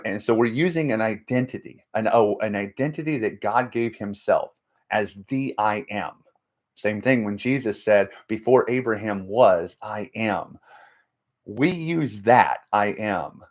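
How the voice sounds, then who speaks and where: Slow, halting man on a faith live stream. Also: fairly low pitch. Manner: slow and halting, frequent restarts and repeated words; reads out and answers viewer comments.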